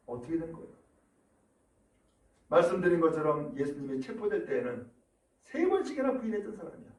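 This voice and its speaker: Animated male pastor in an echoing hall. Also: sits high. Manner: animated storytelling with rhetorical questions. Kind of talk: sermon. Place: church sanctuary. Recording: echoey room from a distance.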